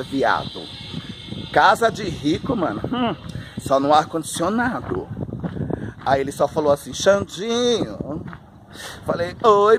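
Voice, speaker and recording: A flamboyant, chatty man telling a story outdoors on a street, recorded on a handheld phone. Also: medium pitch. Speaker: vlogger. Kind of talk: casual storytelling vlog while walking. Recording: street noise behind.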